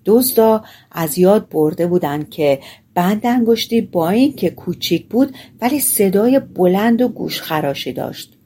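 A woman narrating a fairy tale audiobook in a relaxed, colloquial storytelling way. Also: medium pitch, a little hiss or hum.

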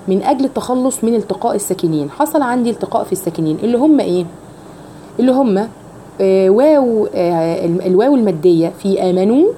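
Woman, Egyptian accent, Quran recitation lesson, asks rhetorical questions, slow demonstrations, mellow tone. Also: medium pitch, slight background noise. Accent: Egyptian Arabic.

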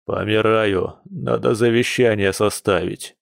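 A man doing a hungover werebear man, low and sorry for himself, who groans and moans through each line like he's dying. the voice sits low and the recording is dry and close. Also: fairly even intonation, unhurried, vocal fry, no echo. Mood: groaning. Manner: groaning, mournful. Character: hungover male bear werewolf, gloomy and self-pitying.

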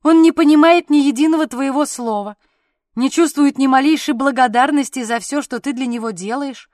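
A woman voicing a jealous, petulant young husband who complains loudly in an audiobook. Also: sits high, moderate pace, no room sound, studio quality, natural voice. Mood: grumbling. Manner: loud, sulky and exasperated.

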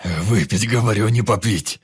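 A man reading an audiobook, voicing a hot-tempered wounded bearded fighter who shouts roughly and boasts. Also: on the low side, moderate pace, dry recording, clean studio sound. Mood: angry. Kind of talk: audiobook character voice.

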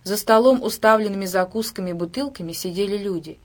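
A woman narrating a book in a measured, even storytelling manner. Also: mid-range voice. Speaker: audiobook reader. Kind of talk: scripted narration.

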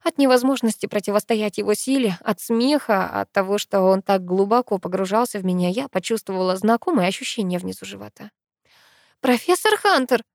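A woman reading a first-person romance audiobook with intimate, expressive narration. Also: medium pitch, brisk, few pauses, no echo, studio quality.

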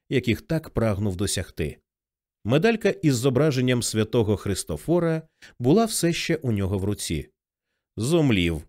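A man reading an audiobook aloud with expressive narration. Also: mid-range voice.

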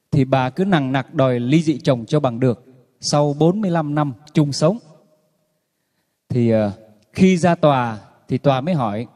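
A man telling jokes to an audience in a relaxed storytelling way, with many fillers. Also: medium pitch, long reverb tail. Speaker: joke teller.

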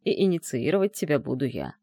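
A tender, teasing male mage who murmurs low and close, confident and a little amused, as a woman reader puts him on. The voice sits below her own, dark and mellow, in a dry, close recording. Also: expressive, quick pace, no room sound, exaggerated voice. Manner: soft, low, hushed murmur. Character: gentle teasing self-assured male mage.

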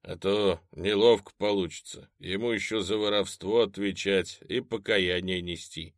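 A man playing a gruff, commanding army captain who barks brusque orders. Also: low-pitched, steady tone, moderate pace, dry recording, studio quality.

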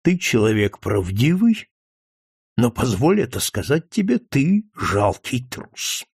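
A man's voice: mid-range voice, big pitch swings, husky, no echo, studio quality, exaggerated voice. A man doing a cold, scornful doctor. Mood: cold taunting. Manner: quiet measured deliberate speech. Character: cold calculating male doctor, calm and scornful.

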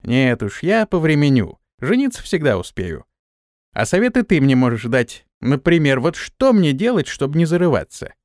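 A man's voice: on the high side, very animated, normal speed, a little mellow, no room sound. A man voicing a young lord who speaks in a dry, questioning way. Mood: wry. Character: young male lord, weary and wry.

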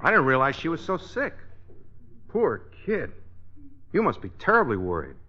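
A sardonic, teasing friend in an old radio comedy, his pitch swooping widely from line to line. The voice is bright and a bit high. It comes through dull and lo-fi, like a vintage broadcast. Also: huge pitch swings, moderate pace, heavily acted. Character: wry teasing male party host. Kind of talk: 1940s radio sitcom acting.

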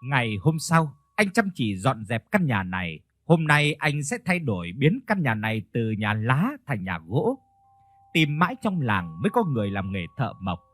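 A male storyteller narrating a ghost story in a scripted reading, with soft instrumental music behind him. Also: medium pitch, sing-song, moderate pace, no room sound. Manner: storytelling, voices the characters.

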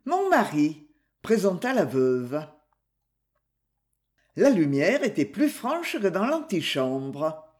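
A reader narrating a crime novel. The pace is slow and deliberate, with lively, animated pitch. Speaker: audiobook reader.

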